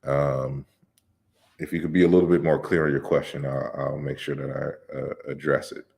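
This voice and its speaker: A man with an extremely deep, low voice hosts a casual livestream. He reads viewer comments aloud and answers at length, relaxed and conversational. His explanations are measured and lecturing, with frequent fillers and restarts. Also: gravelly. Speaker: host of an open discussion livestream.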